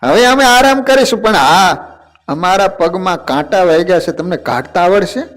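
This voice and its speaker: એક પુરુષ ભજવે છે રમતિયાળ, ભૂખ્યા દિવ્ય ભગવાન. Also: male voice, animated, moderate pace, fairly bright tone. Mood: playful. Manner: raised pitch, playful and demanding. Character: playful divine young man, hungry and tired.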